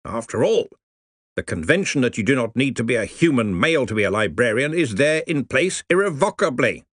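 A man voicing a pompous, hearty older head wizard who drawls slowly. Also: medium pitch, big pitch swings, fairly bright tone, slightly rough, no room sound, clean studio sound, voice pushed up. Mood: jovial. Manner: slow, beaming, drawn-out delivery.

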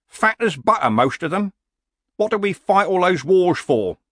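A man's voice: sits high, very animated, normal speed, fairly bright tone, dry recording, studio quality, voice pushed up, exaggerated voice. A man voicing an elderly barbarian hero in a storybook, grumpy, stubborn and world-weary, with a blunt, grumbling manner. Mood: nostalgic, determined.

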